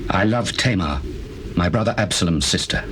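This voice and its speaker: A brooding, lovesick young prince of biblical drama with a very deep voice. His archaic speech is slow and harsh-edged, on a clearly noisy old tape. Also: lively intonation. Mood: sickly longing. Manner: low, slow theatrical delivery of archaic biblical dialogue. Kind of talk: dramatized Bible reading.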